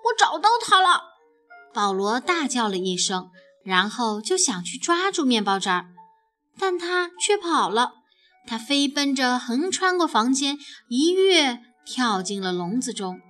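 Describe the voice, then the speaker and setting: A woman reads a children's story aloud with expressive, animated storytelling. Her voice is high, and faint music plays behind her. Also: measured pace. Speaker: narrator.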